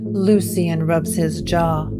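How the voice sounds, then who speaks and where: A woman narrates a gothic audio drama in a solemn, atmospheric style, her voice a little low with fairly even intonation. She speaks slowly and deliberately, and music is clearly audible behind her.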